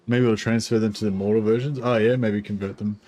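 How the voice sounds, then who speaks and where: A man's voice: fairly low pitch, fairly even intonation, quick pace, mellow. A man casually thinking aloud as he plays a video game, musing and hesitant, with some swearing. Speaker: video game player commentating.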